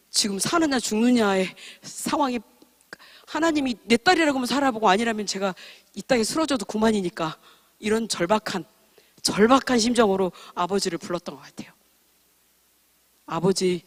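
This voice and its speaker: Earnest woman preacher sharing her testimony. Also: mid-range voice. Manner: earnest, heartfelt storytelling; frank and self-deprecating. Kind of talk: personal testimony sermon. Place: church service.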